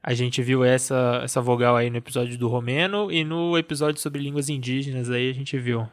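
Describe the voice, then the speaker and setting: A man's voice: mid-range voice, steady tone, brisk. A man, a podcast co-host who chats casually and jokes about himself. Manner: joking, self-mocking.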